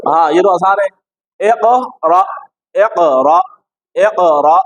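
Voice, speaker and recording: A man's voice: high voice, lively intonation, slow, creaky, dry recording, low-quality recording. A man teaching a class how to recite words correctly, repeating each word many times and correcting his students. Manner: asks the class questions and corrects them. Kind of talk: classroom tajweed lesson.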